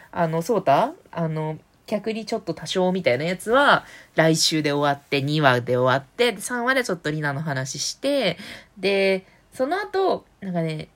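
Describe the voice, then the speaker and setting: Rambling woman chatting solo, lively pitch. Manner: rambling, many fillers, thinks aloud. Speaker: podcast host. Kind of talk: casual solo chat about TV dramas.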